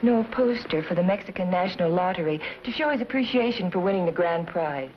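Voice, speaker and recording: An actress playing a proud, sharp-tongued young woman with a crisp, cutting way of speaking. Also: fairly low pitch, expressive, fast talker, close to an everyday voice. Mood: chatty. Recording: dull 1950s TV soundtrack with hiss.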